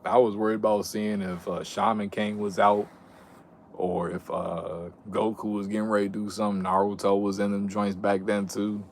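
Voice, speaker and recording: A man's voice: fairly low pitch, little pitch movement, moderate pace. A young adult man chatting casually on a livestream, reminiscing in a laid-back, slangy, rambling way with some swearing. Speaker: streamer. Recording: clear background noise.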